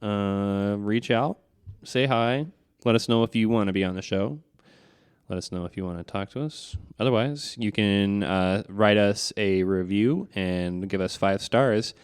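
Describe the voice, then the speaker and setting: A man's voice: lowish voice, unhurried, smooth. A man co-hosting a podcast in casual chat, rambling and enthusiastic with a joking streak. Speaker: podcast co-host.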